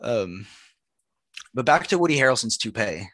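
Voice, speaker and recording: Clean studio audio with no room sound carries this podcast co-host's mid-range, fairly bright voice, which swings widely in pitch at a normal speed. The young man jokes around and rambles through stories, leaning on lots of fillers in casual chat.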